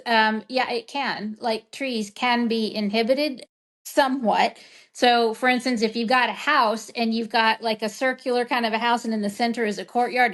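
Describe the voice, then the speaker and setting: A woman in a casual group conversation, talking in a meandering, reflective way with many fillers. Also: on the high side. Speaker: medium in group session.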